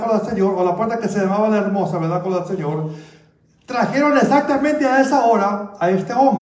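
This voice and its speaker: High-voiced preaching man in an echoey church. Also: a little mellow. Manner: conversational preaching, repeats "¿verdad?" and "con el Señor". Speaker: pastor. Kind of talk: sermon. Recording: echoey church hall, mic at a distance.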